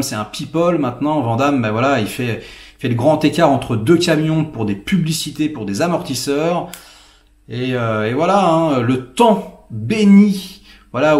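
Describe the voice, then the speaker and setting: A man's voice: a little high, a little mellow. Rambling man reviewing films, echoey room. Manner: rambling and hesitant, full of fillers. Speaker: film critic, channel host. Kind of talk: casual spoken film review.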